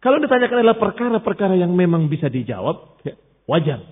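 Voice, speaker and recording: Man lecturing on religion, emphatic, fairly high voice, thin phone-like audio, long hall echo. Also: big pitch swings, fast. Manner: emphatic, rising sharply when rebuking; mixes Arabic terms with explanation. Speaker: Islamic teacher. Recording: tinny phone-like sound in a long-reverb hall.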